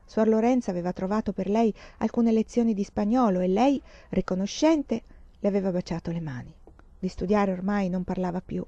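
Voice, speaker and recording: A woman reading a novel aloud in measured audiobook narration. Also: medium pitch, warm tone, no echo, highs cut off. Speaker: reader.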